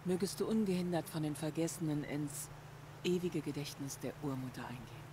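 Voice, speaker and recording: An actress voicing a caring sister in a video game, speaking in a gentle, earnest way. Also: female voice, sits low, brisk, background noise, natural voice. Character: caring sister of a troubled man.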